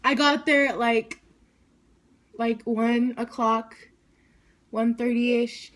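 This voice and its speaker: A woman telling a story to her vlog audience, excitable and rambling, saying "like" constantly. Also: a little high, slow. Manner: excited, rambling, heavy use of "like". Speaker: vlogger.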